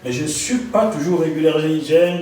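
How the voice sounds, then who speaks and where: A man's voice: on the high side, brisk, far from the mic. Gabonese man telling his story, echoey room. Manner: animated, repeats words while recalling. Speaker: interview guest. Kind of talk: storytelling in an interview.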